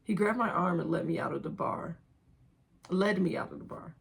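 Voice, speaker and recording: A woman's voice: on the low side, moderate pace, vocal fry, husky. A young woman reading her own old writing aloud in an embarrassed, giggly, self-mocking way, casually breaking off to comment. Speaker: reader of own old fan fiction.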